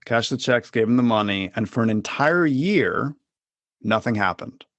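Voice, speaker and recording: A man's voice: mid-range voice, animated, moderate pace, dry recording, muffled recording. A man hosting an interview podcast, recapping his guest's story back to him. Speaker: podcast host.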